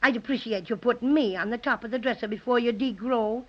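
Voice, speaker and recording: A woman's voice: fairly high pitch, fast, lightly acted. A woman playing a tiny, cheerful, boastful male toy bear who dithers and chatters in a children's radio serial. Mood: fussy, polite. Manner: dithering, self-interrupting, chatty explainer. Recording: dull lo-fi 1930s radio transcription.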